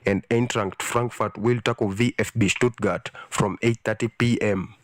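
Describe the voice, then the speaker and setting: A man's voice: fairly low pitch, no room sound. A man reading a scripted sports news segment, steadily listing football fixtures and kick-off times. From Kenya. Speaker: sports reporter.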